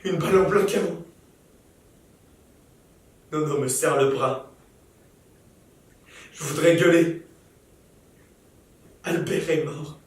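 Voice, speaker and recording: A rough-spoken young trench soldier tells his story in blunt slang, as an actor plays him. His voice rides high for a man. It sounds roomy and distant, as if picked up from far back in a theatre. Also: fairly even intonation, moderate pace, long pauses, close to an everyday voice. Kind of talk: stage reading of a war diary. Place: theatre stage.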